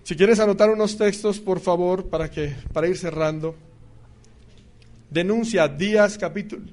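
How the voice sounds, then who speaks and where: High-voiced man preaching emphatically. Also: moderate pace. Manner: emphatic, swings from loud declarations to quiet asides. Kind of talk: sermon.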